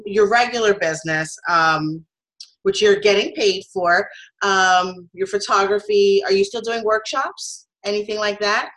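A woman's voice: mid-range voice, measured pace, a bit bright, rough recording. A woman host and photographer interviewing a guest in a friendly, opinionated way. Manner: friendly, laughs easily, opinionated. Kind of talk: casual interview chat.

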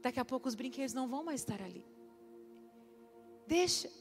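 A woman's voice: sits high, a little fast, breathy edge. Woman, 40s, conversational sermon, acts out quotes, reverberant hall, faint music. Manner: lively, chatty, acts out quotes. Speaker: women's ministry speaker. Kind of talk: sermon to a women's church audience. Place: church hall. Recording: live church hall with music underneath.

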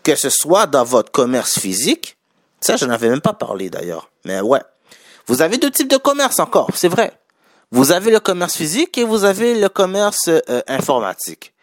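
A man's voice: fairly high pitch, wildly swooping pitch, moderate pace, no room sound, studio quality. A man with a Québécois accent giving casual spoken business advice to viewers, chatty and correcting his own wording as he goes. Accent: Québécois French. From Quebec.

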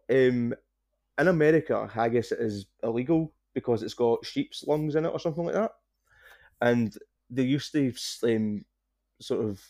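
A man's voice: mid-range voice, warm tone. A man with a broad Scottish accent, chatting casually as a podcast guest and taking care to enunciate his words. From Scotland. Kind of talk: casual conversation.

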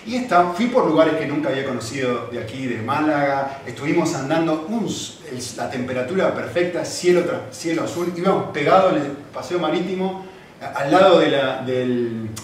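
A man delivers a sermon, his voice pitched a little high. He tells his stories vividly and acts out the quotes. The sound is very roomy and distant, with faint noise underneath. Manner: animated storytelling with acted quotes. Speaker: pastor. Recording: very echoey hall, distant mic, faint noise.

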